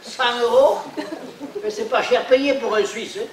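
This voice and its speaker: A man's voice: very high-pitched, unhurried. A man acting in an amateur stage comedy, bumbling and adding "hein" to his lines. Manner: bumbling, tacks "hein" onto lines, laughs often. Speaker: stage actor playing a hapless man posing as a Swiss buyer. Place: theatre stage. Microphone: far room mic. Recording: roomy stage sound from far off, audience noise.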